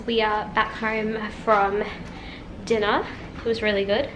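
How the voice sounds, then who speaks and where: A woman's voice: mid-range voice, a little slow, over a noisy crowd. Chatty young woman vlogging at home. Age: 20s. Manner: chatty, relaxed, peppered with "like". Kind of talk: casual vlog chat. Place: at home, indoors. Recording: noticeable room ambience noise.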